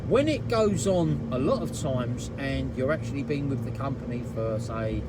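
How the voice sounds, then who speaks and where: A man's voice: mid-range voice, animated, moderate pace. A man, ranting bluntly and swearing freely as he talks while driving. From England. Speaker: vlogger. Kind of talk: casual rant while driving. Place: inside a car while driving. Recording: loud road noise in a moving car.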